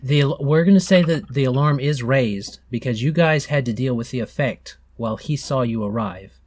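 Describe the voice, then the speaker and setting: A man's voice: medium pitch, normal speed, darkish tone, no room sound. A man acting as game master, casually refereeing a tabletop game.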